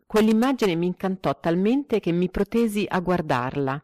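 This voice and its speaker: Woman narrator, lowish voice, measured literary reading, dry close recording. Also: no room sound. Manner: measured, expressive reading with lively quoted dialogue.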